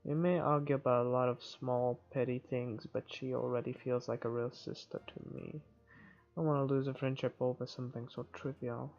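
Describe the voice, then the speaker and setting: This playthrough narrator reads a visual novel's text with casual asides, occasionally stumbling. The voice is medium-pitched and darkish, barely moving in pitch at a moderate pace, and the recording is muffled with game music behind it.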